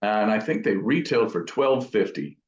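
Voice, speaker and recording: With a fairly low, slightly mellow voice, a man answers interview questions animatedly at a moderate pace. He's a guitar amp builder appearing as a guest, thinking out loud and fixing his own words along the way, in a roomy, dull lo-fi recording.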